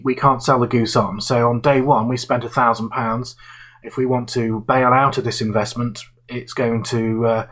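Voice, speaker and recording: A man explains an investment strategy with a simple example. His voice is husky and sits at a middle pitch. He talks in a halting way, with frequent fillers and restarts, like someone thinking aloud to clients. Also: fairly bright tone, low-quality recording. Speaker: investment manager presenting to clients.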